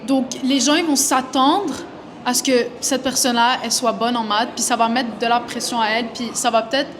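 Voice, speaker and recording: A woman's voice: fairly high pitch, fairly even intonation, fairly quick. A young woman, a student, giving a thoughtful answer while searching for words. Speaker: interviewed student. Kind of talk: casual street interview. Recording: crowd noise behind.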